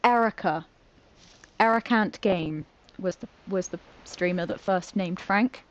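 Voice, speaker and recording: A woman's voice: lowish voice, a little slow. Chatty British woman streamer, lo-fi audio. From Britain. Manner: chatty, giggly, self-mocking, trips over words. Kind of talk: casual live-stream chat while playing.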